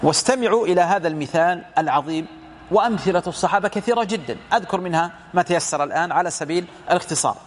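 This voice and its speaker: A man's voice: sits high, lively intonation, racing. A man giving a lecture commentary on hadith as a religious teacher, explaining through rhetorical questions and retold dialogue.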